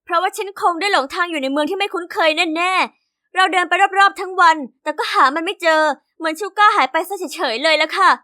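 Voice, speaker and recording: A woman narrates an animated diary story in the first person as a young girl. Her voice sits very high and sounds bright and ringing. Her delivery is lively and expressive, in a scripted storytelling style. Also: brisk.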